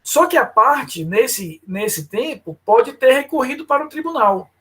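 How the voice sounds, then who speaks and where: Husky man lecturing on law. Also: very high voice, lively intonation, unhurried, sharp tone. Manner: addresses students by name, explanatory. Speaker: law professor. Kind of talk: live online lecture.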